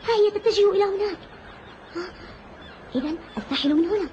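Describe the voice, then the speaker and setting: A woman voicing a frightened, devout young boy lost at sea in an animated film, praying aloud and pleading. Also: extremely high pitch, fast, dull audio. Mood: anxious. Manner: prays aloud, pleading and earnest. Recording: noisy soundtrack background.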